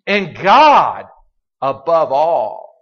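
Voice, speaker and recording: A man preaching a sermon in an animated, joking way, putting questions to the congregation. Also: on the high side, very slow, highs cut off. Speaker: pastor.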